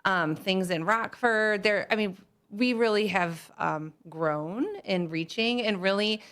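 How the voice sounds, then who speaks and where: An American woman with a medium-pitched voice speaks as a guest on a radio program. She explains things in an informal, conversational interview style. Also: takes it slowly, a bit bright, clean tone. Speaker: radio guest, school fundraiser organizer.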